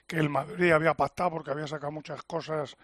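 A man's voice: fairly high pitch, steady tone, fast, noisy background. A man arguing his point as a sports radio pundit, insistent and repetitive. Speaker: studio pundit. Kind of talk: casual sports radio debate.

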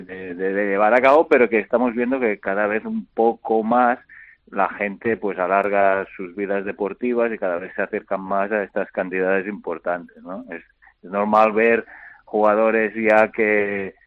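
A middle-aged man, a retired basketball player, answering interview questions by phone in a halting way, repeating words and filling pauses. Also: lowish voice, no echo. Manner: halting, repeats words often, many fillers. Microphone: telephone. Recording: tinny phone line.

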